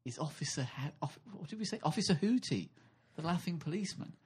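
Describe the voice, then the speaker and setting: A comedy podcast co-host with a high, slightly rough voice talks fast and animatedly. He giggles a lot and plays around, spinning silly, absurd improvised stories.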